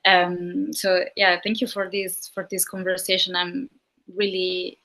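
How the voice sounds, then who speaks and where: A woman panelist replying in a second language, halting and careful, repeating words as she goes. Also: lowish voice, level tone, pushed and bright, rough recording. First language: not English. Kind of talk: academic panel discussion.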